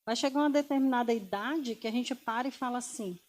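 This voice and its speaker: Woman, Brazilian accent, motivational speaker, rather high voice, mellow tone, animated, rhetorical questions. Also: fast talker. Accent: Brazilian Portuguese. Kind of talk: motivational talk to an audience.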